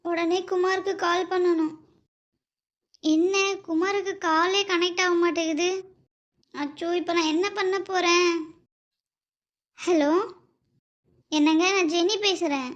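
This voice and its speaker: A frightened young wife in a cartoon who stammers in panic, as a woman voices her. The voice is extremely high and squeaky. The recording is dull and lo-fi. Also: steady tone, slow, long pauses. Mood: panicky. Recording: dull lo-fi audio.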